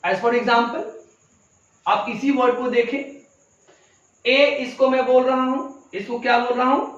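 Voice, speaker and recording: A man's voice: very high voice, steady tone, a little slow, a bit bright. A male English teacher giving a classroom grammar lesson, asking rhetorical questions and answering them himself, and calling his listeners children. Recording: echoey room, distant dull mic.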